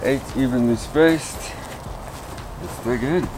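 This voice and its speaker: A gardening vlogger, an American man in his thirties, rambles in a relaxed way to camera from outside in his garden. He speaks slowly in a medium-pitched voice against a noisy background.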